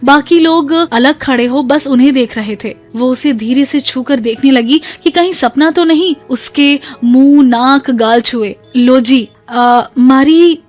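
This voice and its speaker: A woman narrating a family drama in Hindi as a storyteller, steady and emotive. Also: high voice, unhurried, few pauses, faint music behind. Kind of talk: scripted narration.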